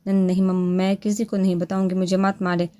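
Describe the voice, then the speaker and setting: A woman's voice: medium pitch, flat delivery, a little fast, mellow, natural voice. Woman reader as a timid young wife, fearful and pleading, audiobook. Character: frightened innocent young village wife.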